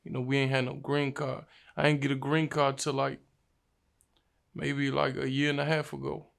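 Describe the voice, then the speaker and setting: A young man from Virginia speaks in a flat, even tone, with a gravelly edge to his voice. He tells his story in a laid-back, slangy way during a casual sit-down interview. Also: medium pitch, moderate pace. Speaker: rapper, interview guest.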